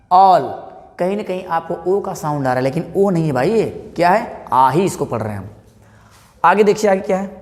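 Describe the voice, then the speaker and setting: A man teaches English pronunciation in a classroom lesson. He fires questions at his class, answers them himself and goes over each word again and again. His voice rings with a long reverb. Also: sits high.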